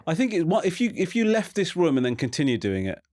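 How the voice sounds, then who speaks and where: Playful man hosting, lively pitch. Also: fast, dry recording, studio quality. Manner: playful, teasing, reads out quotes. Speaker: podcast host. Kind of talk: casual comedic chat.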